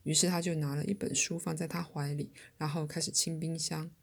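A woman narrates an audiobook in a steady, measured way. Her voice is low with a gravelly fry and a husky, not-quite-clear grain.

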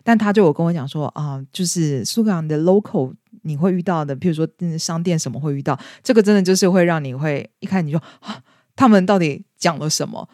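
A young woman in her twenties chats at a brisk clip on a podcast and tells a personal story. She acts out the quoted lines in bright, raised voices. Her voice sounds close and dry. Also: deep voice, no echo. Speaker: podcast co-host. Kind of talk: casual storytelling chat.

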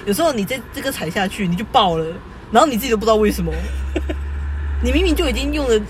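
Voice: mid-range voice, lively intonation, fast, slight background noise. A podcast co-host with a Taiwanese Mandarin accent, ranting in exasperated casual chat.

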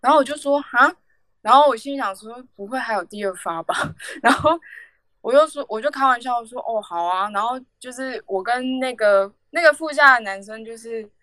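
A woman's voice: medium pitch, pushed and bright, no room sound. A young woman, rambling through a casual story on a podcast with many fillers and restarts. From Taiwan. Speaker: podcast co-host.

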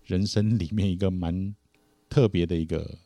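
Man, low voice, dry close sound; casual lively storyteller on a podcast. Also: moderate pace, dry recording. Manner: animated, acts out quoted voices. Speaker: podcast guest telling a story.

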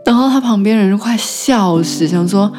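A woman's voice: medium pitch, moderate pace, warm tone, soft background music. Taiwanese woman chatting casually, slightly impeded diction. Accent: Taiwanese Mandarin. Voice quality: slightly impeded articulation from wearing braces. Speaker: podcast host. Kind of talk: casual solo storytelling chat.

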